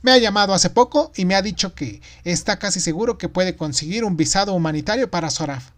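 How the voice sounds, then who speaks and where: A man voicing an excited young wife who talks eagerly on the phone. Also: sits high, fast talker, voice pushed up.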